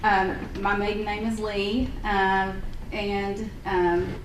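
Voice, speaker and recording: A woman's voice: medium pitch, takes it slowly. Chatty woman, roomy and distant. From Sequatchie Valley, Tennessee. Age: middle-aged. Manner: friendly, chatty, lots of ums and uhs. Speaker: hospital imaging director. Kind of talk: unprepared public remarks. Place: county meeting hall. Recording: echoey hall, distant mic, steady hiss.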